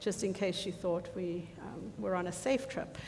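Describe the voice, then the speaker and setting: A woman's voice: on the low side, steady tone, moderate pace, a little mellow. A woman presenting a mission trip slideshow to a church congregation, chatty and full of ums, often losing her thread and starting over. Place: church sanctuary. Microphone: handheld or lapel mic. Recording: reverberant church hall, faint noise.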